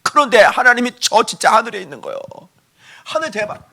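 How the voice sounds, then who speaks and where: A male pastor delivers a sermon with theatrical flair, often tossing quick questions to the congregation. His voice sits high and sounds bright. His pitch swings widely from line to line. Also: expressive, vocal fry. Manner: playful, theatrical, quizzing the congregation.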